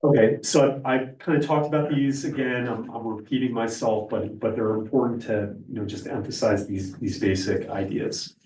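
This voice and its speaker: Serving as a school board's lawyer, a man delivers an informal legal training presentation at a public board meeting. His medium-pitched, slightly mellow voice moves at normal speed with fairly even intonation and hardly any pauses, though the mic sits far away in an echoey room.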